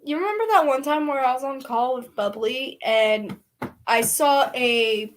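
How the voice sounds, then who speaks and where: A high-pitched woman chats her way through a casual bedroom vlog. She rambles from one thought to the next and turns to sing-song baby talk with a toddler. Her voice sits well above most women's. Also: a little slow, a little hiss or hum. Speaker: vlogger. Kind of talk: casual chat.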